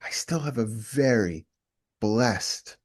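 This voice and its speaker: A man's voice: mid-range voice, animated, takes it slowly. A male company president talking as a podcast guest, earnest and reflective, often restarting his sentences. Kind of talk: casual interview chat.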